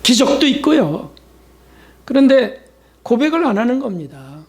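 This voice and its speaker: A man's voice: high-pitched, darkish tone. A man preaching a sermon as pastor, acting out prayers and asking the congregation rhetorical questions. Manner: preaching with acted-out prayers and quotes.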